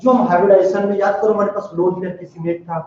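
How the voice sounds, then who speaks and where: A male chemistry teacher lectures with animated energy, firing questions at his class. His voice sits high and mellow. It is recorded from far off in a very echoey classroom, with a dull, muffled sound and faint background noise. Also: racing. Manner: animated, calls out questions to students. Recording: very echoey room, distant dull mic.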